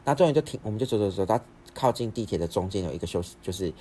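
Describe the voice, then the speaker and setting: A young man, hosting a podcast and telling a story in a rapid, rambling way with frequent restarts. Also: on the low side, lively intonation, dark tone, a little hiss or hum. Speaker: podcast host. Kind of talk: casual storytelling.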